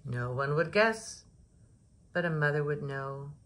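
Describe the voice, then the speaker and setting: A woman storyteller with a deep voice and lively intonation reads a picture book to young children at a measured pace. Her delivery is rhythmic and rhyming, with chatty asides that ask the listeners questions.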